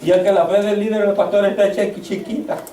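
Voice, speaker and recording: A man preaching a sermon as pastor, fervent, swinging between loud shouts and hushed storytelling. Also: sits high, flat delivery, fast talker, a little hiss or hum. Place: church. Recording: echoey church hall, mic at a distance.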